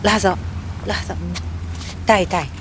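A woman's voice: fairly low pitch, steady tone, fairly quick, background noise, close to an everyday voice. A woman playing a worried, caring grown daughter looking after her mother. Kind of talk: domestic drama acting.

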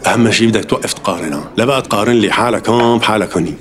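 A man's voice: lowish voice, racing, crowd noise, lightly acted. A man with a Levantine Arabic accent playing a settled immigrant shopkeeper who gives firm, practical advice. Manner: firm, advising, matter-of-fact.

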